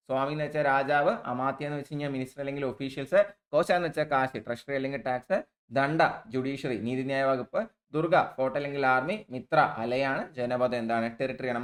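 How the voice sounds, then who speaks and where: A man's voice: medium pitch, steady tone, quick pace. A male exam coaching teacher with a Malayali accent, giving a recorded online lesson. He talks in a chatty, informal way, keeps asking his own rhetorical "what do we do?" prompts and calls his students children.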